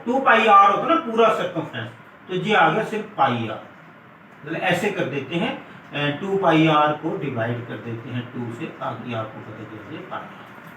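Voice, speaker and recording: A man's voice: fairly high pitch, fairly bright tone. A man teaching physics in a classroom, explaining step by step and calling his students "beta". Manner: explains step by step, mixes English terms, calls students "beta". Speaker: physics lecturer. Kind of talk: classroom lesson at a board. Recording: echoey room from far off, faint noise.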